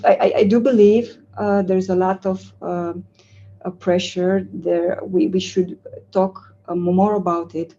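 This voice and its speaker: A woman's voice: medium pitch, dark tone, muffled recording, a little hiss or hum. A young woman from Romania giving a casual talk at a community meetup, hesitant with many fillers and frequent laughs, recorded from a far camera in a large indoor room. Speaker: community speaker.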